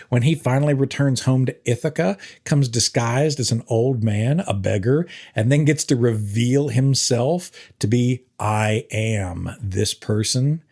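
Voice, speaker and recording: A man from Tennessee who teaches high school English, talking through a reading assignment in an earnest, animated podcast monologue with big swings in pitch for emphasis.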